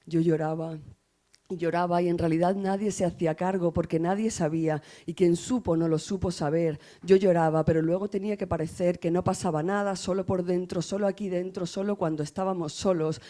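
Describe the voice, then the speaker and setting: A woman from Spain reading her own poetry aloud in a measured, grave and intimate way, with a Spanish accent from Spain. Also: lowish voice, fairly even intonation, mellow. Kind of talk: poetry recitation.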